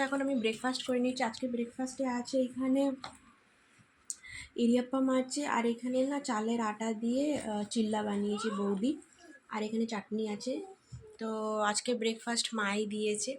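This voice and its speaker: A woman's voice: fairly high pitch, steady tone, normal speed, long pauses, a little hiss or hum. A young woman in a casual family vlog, chatting to her viewers as friends at home. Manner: coaxing, patient with her toddler. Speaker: vlogger.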